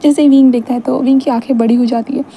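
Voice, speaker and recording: A woman loosely retells a fan fiction story in a conversational style, linking scenes with everyday fillers. Her voice is high yet dark and mellow, with fairly even intonation and a quick pace. The audio is poor, with faint noise underneath.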